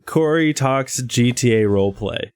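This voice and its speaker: A relaxed, wry man co-hosting a casual podcast, nudging the talk along. His voice has an average male pitch. It is recorded close and dry. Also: measured pace, clear, resonant tone, no echo. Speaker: podcast co-host.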